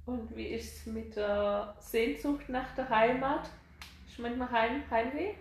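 A woman's voice: a little high, slow, roomy sound. A woman interviewing a guest, asking questions and encouraging her with frequent backchannel sounds. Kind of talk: conversational interview.

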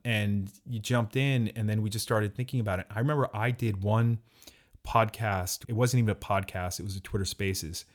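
In casual podcast chat, this co-host is reflective and rambles a bit, with some restarts. He has a lowish voice, fairly even intonation, and a moderate pace.

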